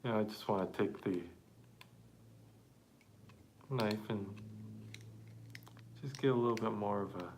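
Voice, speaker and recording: A man live-streaming an accordion repair, chatting casually and haltingly to viewers while he works with his hands. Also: fairly low pitch, a little hiss or hum.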